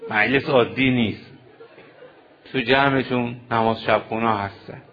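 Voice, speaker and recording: A man leading a religious mourning sermon, speaking straight to the gathering and moving into slow chanted lament. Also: medium pitch, fairly even intonation, lo-fi sound. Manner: moves from spoken storytelling into slow chanted lament; addresses the gathering directly. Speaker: mourning preacher.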